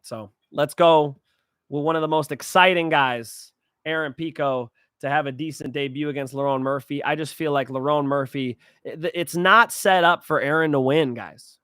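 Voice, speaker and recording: A young man runs through his fight predictions in a loose, rambling monologue, full of swearing and sudden bursts of excitement. His voice sits high and sounds bright and forceful. The recording is dry and close, with no room sound. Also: normal speed, smooth, no room sound. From California. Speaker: host.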